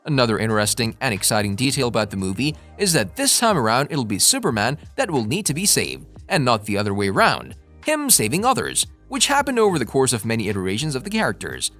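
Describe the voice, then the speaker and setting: Animated male narrator, swinging pitch. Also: fast, hardly any pauses. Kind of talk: scripted movie-news narration. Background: faint music.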